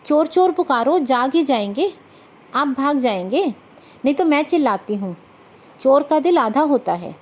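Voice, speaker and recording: A woman's voice: sits high, lively intonation, a little slow. A woman voicing a bold, stubborn young village wife who speaks firmly. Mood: defiant. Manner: defiant, firm.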